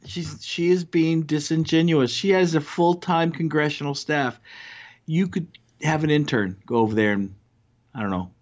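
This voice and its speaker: A man's voice: a little high, moderate pace. A man co-hosting a live stream show, bantering casually with sarcastic, mocking jokes. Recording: dull lo-fi sound.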